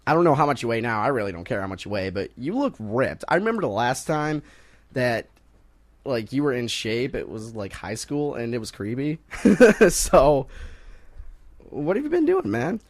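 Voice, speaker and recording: A young man hosting a casual sports talk radio show, joking and rambling between topics and quick to laugh. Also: medium pitch, sing-song. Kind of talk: casual college radio banter.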